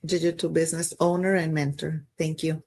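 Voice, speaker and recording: A woman from Mexico on a panel, reading out a list of discussion points in a steady, list-like way. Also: deep voice, fairly quick, breathy edge. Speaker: panelist, pediatric nurse.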